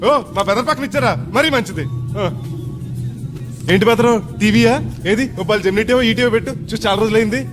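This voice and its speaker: An actor playing a naive, middle-aged village man on his first flight, loud and rustic, mangling English words. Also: very high voice, quick pace. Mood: chatty. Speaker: actor in a film comedy scene. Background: film background music.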